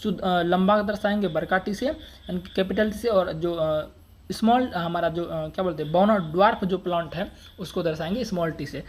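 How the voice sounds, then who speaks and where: A man teaching an exam-prep science lesson, asking questions and answering them himself and calling his viewers friends and brother. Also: high-pitched.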